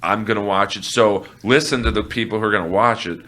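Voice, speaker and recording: A man's voice: on the low side, steady tone, fast, a bit bright. A man appearing as a guest on a podcast, giving blunt, irreverent opinions in casual chat.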